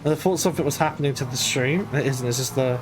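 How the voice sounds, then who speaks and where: A man commentating a live race stream in a relaxed way, often trailing off into fillers. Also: mid-range voice, fast talker. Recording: noisy background.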